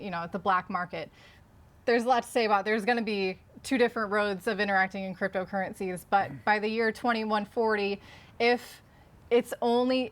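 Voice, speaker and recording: A woman with a medium-pitched voice talks as a co-host in a casual discussion. She explains her points conversationally, thinking aloud in an informal style. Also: a bit bright. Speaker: video creator and co-host.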